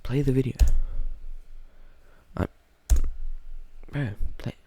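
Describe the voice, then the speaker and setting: A man's voice: medium pitch, little pitch movement, slow, dark tone, slight background noise. A man giving casual, off-the-cuff reaction commentary in a slangy, jittery way, full of amused disbelief. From Australia. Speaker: reaction video host.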